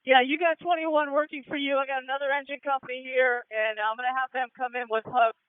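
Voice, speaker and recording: A man serving as fire incident commander, giving brisk, clipped orders over a two-way radio. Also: very high voice, level tone, noisy background. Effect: two-way radio transmission. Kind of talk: fireground radio traffic. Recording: tinny dry radio channel.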